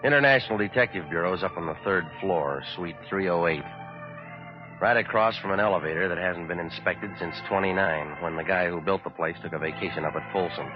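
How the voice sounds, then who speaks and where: A man plays a hard-boiled American private eye in a 1940s radio detective play, narrating in a very low-pitched voice with terse, deadpan wisecracks. He speaks fairly quickly, close to an everyday voice, with a dry, wry mood. The vintage recording sounds dull and has music playing behind him.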